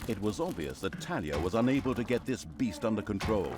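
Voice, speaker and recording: A man's voice: on the low side, animated, a little fast, natural voice. A man playing the wry storybook narrator of a comic fantasy game, droll and theatrical in his scripted delivery. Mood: wry storytelling. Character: wry storybook male narrator mocking an evil army.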